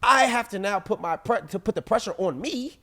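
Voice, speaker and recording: A man's voice: sits high, lively intonation, brisk, bright, forceful tone. A man co-hosting a casual podcast chat, candid and emphatic, circling back to repeat his points. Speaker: podcast co-host.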